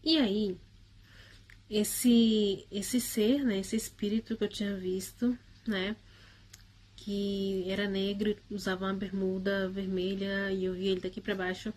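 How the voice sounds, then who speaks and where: A woman's voice: mid-range voice, little pitch movement, unhurried, a little mellow. A woman casually recounting a personal spiritual experience in the first person. She speaks hesitantly, with frequent tag questions and restarts.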